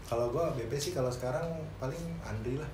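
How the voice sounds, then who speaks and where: A man's voice: mid-range voice, fast, far from the mic. Male podcaster, Jakarta accent, slangy conversational delivery; echoey room, slight background noise. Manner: informal, slangy. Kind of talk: casual chat.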